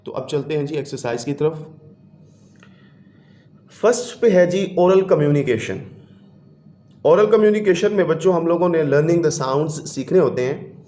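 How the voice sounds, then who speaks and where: A man teaching a children's English lesson, explaining patiently and reading English examples slowly aloud. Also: on the high side, darkish tone, reverberant. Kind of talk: classroom lecture.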